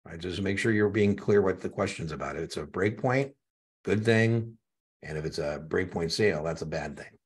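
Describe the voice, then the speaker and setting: A man's voice: deep voice, normal speed, breathy edge. A middle-aged man tutoring a student for an exam in a chatty way, repeating key points and telling anecdotes. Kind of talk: one-on-one tutoring session.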